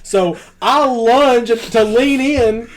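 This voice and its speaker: A man telling stories in a casual podcast chat, animated and laughing as he acts out quotes. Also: very high-pitched, very slow. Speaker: podcast host.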